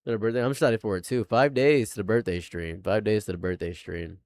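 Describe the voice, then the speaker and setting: A live streamer in his late twenties chats casually, talking fast in a fairly low, steady, slightly mellow voice. He rambles, repeats himself, and laughs often. The sound is dry and close, with no echo.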